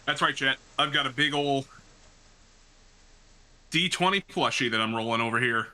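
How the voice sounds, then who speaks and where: A radio worker cooks in his home kitchen by a gas stove, chatting casually as he goes. His voice is mid-range, pushed and bright at a moderate pace, and his talk rambles with a self-deprecating streak.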